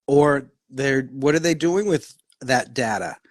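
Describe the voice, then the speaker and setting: Co-host: mid-pitched man, unhurried, quick to laugh, dry sound. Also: dry recording. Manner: laughs easily, exclaims. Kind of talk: casual chat.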